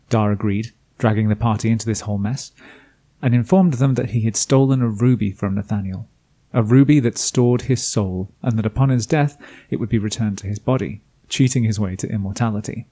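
A man's voice: on the low side, dark tone, slightly rough. A man reading a scripted recap of a tabletop campaign as game master, with dry, self-deprecating asides. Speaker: game master and podcast host.

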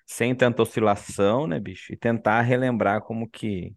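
Low-voiced teasing co-host, dry sound. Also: male voice, steady tone, normal speed, gravelly, dry recording. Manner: teasing, drawling, says "bicho". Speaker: podcast co-host. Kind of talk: casual podcast chat.

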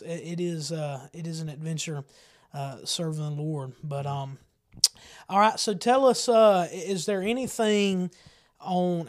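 A young man hosting a church-themed chat, talking in a halting way with many fillers and restarts. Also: a little high. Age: young adult. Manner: halting and filler-heavy, warmly affirming. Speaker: podcast host. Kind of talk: casual interview chat.

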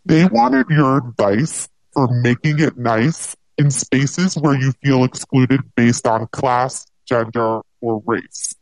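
A host talking through a voice changer that lowers the pitch into a deep robotic tone, chatting casually and upbeat in a live audio interview. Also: lively intonation, takes it slowly, few pauses, dry recording, rough recording. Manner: chatty, upbeat, filler-heavy.

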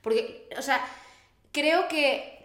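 A woman from Spain co-hosting a podcast, lively and emphatic with a teasing edge. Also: high-pitched, extremely slow, roomy sound. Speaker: podcast co-host. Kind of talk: casual chat.

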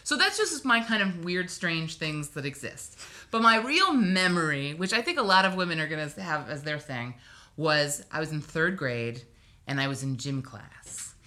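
A woman's voice: deep voice, animated, normal speed, bright, forceful tone. A woman from Hawaii, a guest on a casual podcast, telling personal stories in a chatty, wry way with asides.

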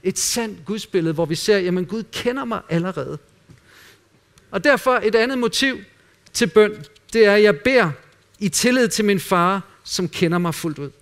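A man preaching a sermon in an earnest way, dropping at times to quiet, intimate asides. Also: high-pitched, expressive. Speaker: pastor.

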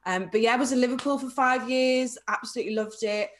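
A woman's voice: a little high, fast talker. A young woman from Carlisle, chatting as a guest in a live online interview, talkative, with frequent fillers and laughs. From Carlisle, England.

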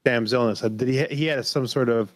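A man's voice: mid-range voice, quick pace, no room sound. Blunt male podcast co-host, dry sound. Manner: blunt, swears casually. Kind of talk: casual review chat.

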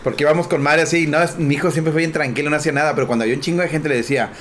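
A middle-aged man tells loose, profane stories in casual conversation. His voice sits a touch high for a man. Steady background noise runs under the talk. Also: very fast. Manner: laughing, profane anecdotes. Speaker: podcast co-host. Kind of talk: casual chat, storytelling.

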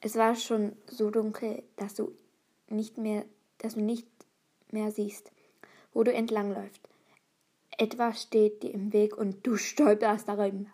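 A woman reading a personality quiz aloud and answering it herself, talking fast, stumbling and restarting, at times dropping to a whisper. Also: medium pitch, level tone, dark tone. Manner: reads quickly, stumbles and restarts, sometimes drops to a whisper. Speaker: video host taking a quiz.

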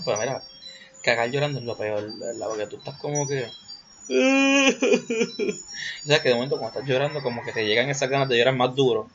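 A young Puerto Rican man talks on his own in a loose, rambling way, crude jokes and stray English words mixed into his speech. His voice sits at an ordinary middle pitch, and the recording is a little dull and muffled with a faint hiss underneath. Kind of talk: casual solo monologue.

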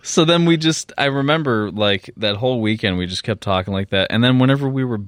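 A man co-hosting a podcast in casual chat, animated and laughing often, with plenty of fillers. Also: medium pitch, fairly quick, smooth, no room sound, studio quality. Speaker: podcast co-host.

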